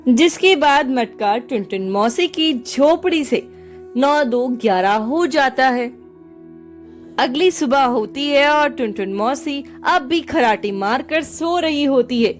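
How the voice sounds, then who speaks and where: A woman's voice: high voice, expressive, slow pace, faint music behind. A woman narrating a cartoon story in plain storytelling manner.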